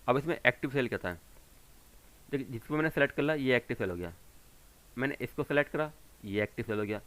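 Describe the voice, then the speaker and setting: A man teaching beginners in a tutorial video. He goes slowly and patiently, asks a question and then answers it himself, and repeats each point so that children can follow. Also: mid-range voice, a bit bright. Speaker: computer teacher. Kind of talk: screen-recorded tutorial explanation.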